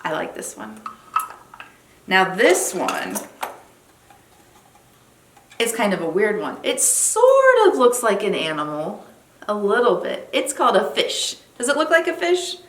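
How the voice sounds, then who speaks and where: A woman's voice: medium pitch, huge pitch swings, unhurried, long pauses, a bit bright. A woman leading an interactive lesson for young children in an encouraging, sing-song kindergarten teacher voice. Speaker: children's library program presenter. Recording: roomy echo, faint background noise.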